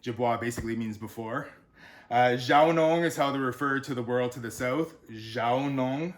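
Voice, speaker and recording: Male author, mid-pitched, casual pronunciation tutorial, slow syllable-by-syllable sounding out. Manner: sounds words out slowly, syllable by syllable; relaxed, explanatory, with frequent fillers. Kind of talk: unscripted pronunciation lesson.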